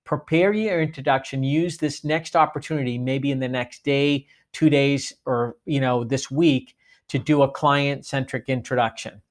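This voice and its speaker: A man from Boston with a Boston accent, giving an instructional training talk on communication in a lively, demonstrative way. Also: medium pitch. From Boston, United States. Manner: lively, demonstrative, often slows for emphasis.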